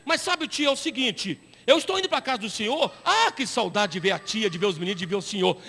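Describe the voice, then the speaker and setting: A man's voice: sits high, animated, quick pace, sharp tone, big-room sound, full character voice. A man voicing a young male prisoner who coaxes money out of the listener by posing as his nephew. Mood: wheedling. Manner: coaxing, pleading, then tearful and remorseful.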